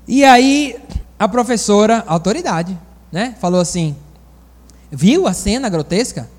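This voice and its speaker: A man from Bahia, preaching a sermon in a folksy, animated storytelling manner with asides to the congregation. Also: high voice, measured pace, long reverb tail. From Bahia, Brazil.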